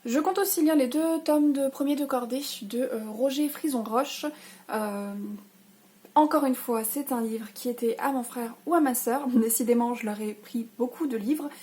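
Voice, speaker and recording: A woman's voice: high voice, moderate pace, warm tone. A young woman chatting casually about her reading plans, hesitating often with fillers. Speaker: book vlogger. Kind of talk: casual reading-list vlog.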